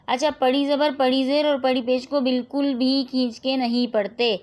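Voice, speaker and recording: A woman with a high voice leads a Quran reading lesson. She sounds out each word slowly, one syllable at a time, then explains the rules in quick asides. She keeps checking in with her students with a short "okay?". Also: little pitch movement, a little mellow. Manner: slow drilled spelling, then quick explanations.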